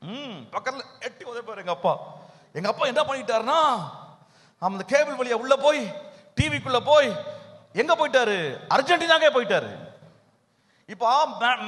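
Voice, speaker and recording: High, bright-voiced preacher in a hall. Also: male voice. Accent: Tamil Nadu. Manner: questions the crowd often, with sudden loud bursts. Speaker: preacher at a youth camp. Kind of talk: sermon. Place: large hall at a hillside camp. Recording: long hall reverb.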